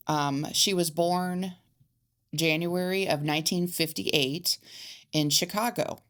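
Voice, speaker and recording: Low-voiced woman telling a crime case. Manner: reads case facts, hesitant fillers. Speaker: podcast co-host telling the case. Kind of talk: casual true-crime podcast chat.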